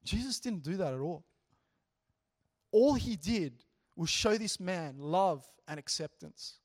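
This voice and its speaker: A man preaching in a relaxed, conversational way, telling stories earnestly and animatedly, with frequent "you know" asides. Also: high voice, slow. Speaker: preacher sharing a testimony. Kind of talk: conversational sermon storytelling.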